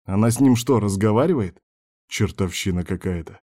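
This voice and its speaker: A man's voice: lowish voice, expressive, moderate pace, dark tone. A man voicing a blunt, grumbling soldier. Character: wary male soldier, blunt and practical.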